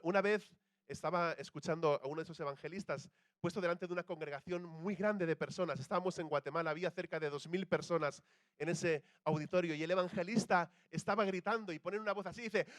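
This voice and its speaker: Man preaching, accent from Spain, chatty, asks the crowd questions, fairly high voice, dry close sound. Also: quick pace, dry recording. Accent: Spain Spanish. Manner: conversational, asks the audience questions, acts out quoted voices. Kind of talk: sermon to a live congregation.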